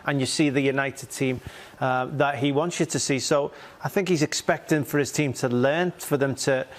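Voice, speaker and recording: A man giving measured, conversational football match analysis as a studio pundit. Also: medium pitch, steady tone.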